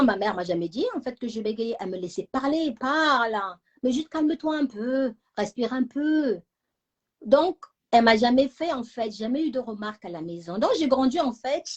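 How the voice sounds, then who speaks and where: Femme vive qui raconte sa vie. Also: female voice, mid-range voice. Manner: fast, animated, with repeated fillers. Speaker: live stream host. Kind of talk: casual personal storytelling.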